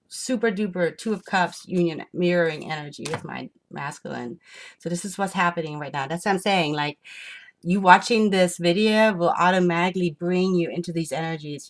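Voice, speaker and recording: A woman giving an enthusiastic spiritual tarot reading, excitable and rambling as she turns the cards. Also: lowish voice. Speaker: tarot reader.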